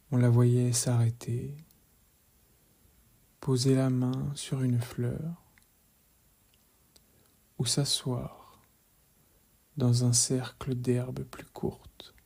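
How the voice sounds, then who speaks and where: This guided relaxation meditation is led by a man whose medium-pitched voice carries vocal fry. He speaks in a calm, measured, gently instructive way, soft and hushed, and often slips into a whisper.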